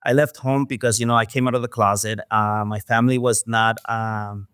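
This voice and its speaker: A man from Mexico, a guest in an interview, talking in a soft, hesitant way with many fillers. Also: on the low side, steady tone, fairly quick, clear, resonant tone, no echo, clean studio sound. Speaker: guest, restaurant owner. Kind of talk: casual interview talk.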